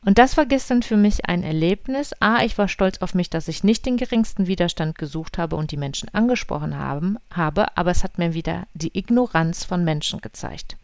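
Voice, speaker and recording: A woman's voice: on the low side, a little fast, few pauses, no echo, clean studio sound. A woman vlogging outdoors in a forest, casually telling her viewers a personal story and acting out the lines people said. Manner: lively retelling that acts out quoted dialogue.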